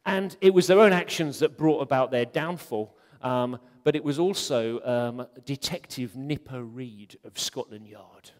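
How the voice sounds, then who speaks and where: Speaking in a mid-range, darkish voice, a little slow with hardly any pauses, a conference speaker jokes and chats through a talk on web design. He says um a lot. The hall gives the recording a long reverb.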